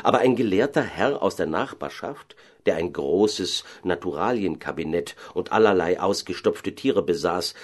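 A man narrating a fairy tale in an expressive, dramatic way. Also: low voice, moderate pace, few pauses.

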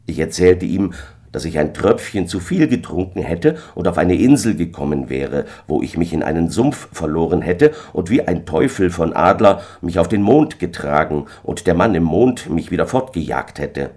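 A man narrating an old-fashioned tale in an expressive storytelling manner. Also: sits low, moderate pace. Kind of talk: storybook reading.

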